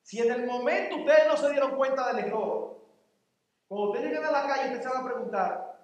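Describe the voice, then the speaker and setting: A pastor preaching at a church conference, speaking in a conversational way and acting out little dialogues. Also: male voice, extremely high pitch, brisk. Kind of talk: conference sermon. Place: church sanctuary. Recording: echoey church hall.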